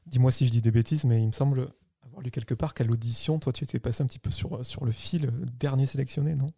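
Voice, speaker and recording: Gravelly dark-voiced interviewer. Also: male voice, mid-range voice, fairly even intonation, fast, no room sound, studio quality. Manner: friendly, informal, hedged questions. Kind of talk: casual interview questions.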